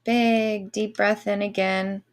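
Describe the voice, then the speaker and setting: A woman guiding a meditation as a Reiki healer, with a creaky voice and an airy, breathy, soothing delivery. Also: medium pitch, flat delivery, takes it slowly. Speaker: online manifestation coach and Reiki guide. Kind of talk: guided meditation.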